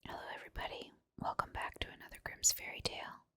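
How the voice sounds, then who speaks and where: A woman reading a fairy tale in a breathy ASMR whisper, as a measured, deliberate storybook narrator. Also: pushed and bright. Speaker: host and reader of fairy tales.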